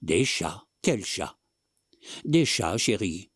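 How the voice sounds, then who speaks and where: A man's voice: low-pitched, very animated, slow pace, fairly bright tone, husky, no echo, clean studio sound, heavily acted. A man putting on a fretful, coughing old husband. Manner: coughing fits, fretful chatter. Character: fussy old husband, anxious and rambling.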